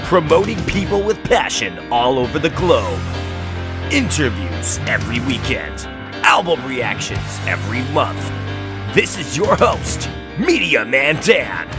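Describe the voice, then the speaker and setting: A man announcing a podcast intro in a slow, drawn-out, hyped radio style. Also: medium pitch, very animated. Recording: over loud music.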